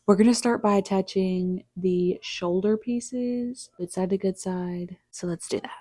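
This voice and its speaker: A young woman hosting a casual home sewing tutorial, chatty and quick to interrupt herself. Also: medium pitch, fairly even intonation, darkish tone. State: a little out of breath. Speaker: sewing channel host.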